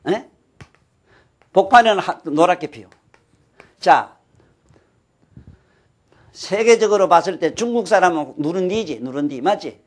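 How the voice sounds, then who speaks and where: Older man with a high voice and a Gyeongsang accent, a folksy lecturer who keeps asking the room questions. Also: animated, measured pace, long pauses. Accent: Gyeongsang Korean. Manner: folksy, keeps checking with listeners, asks rhetorical questions. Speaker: folk-culture lecturer. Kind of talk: lecture to an audience.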